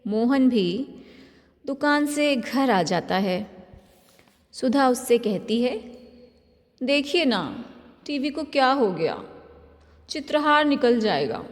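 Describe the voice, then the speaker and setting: A woman tells a homely family story in an unhurried way, her voice sitting a little high. She gives each family member a tone of their own. Her voice trails off in a long reverb. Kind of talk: scripted narration.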